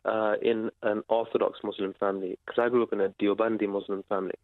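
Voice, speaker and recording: A man calling in to a radio show, speaking haltingly with many fillers and pauses. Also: on the low side, level tone, no room sound. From Britain. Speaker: caller. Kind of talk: phone-in radio call. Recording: tinny phone line.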